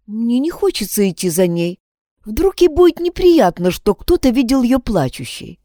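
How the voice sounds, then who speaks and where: A woman's voice: on the high side, big pitch swings, moderate pace, dark tone, dry recording, clean studio sound. A woman reading an audiobook, voicing an earnest, concerned teenage schoolgirl. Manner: earnest, urging.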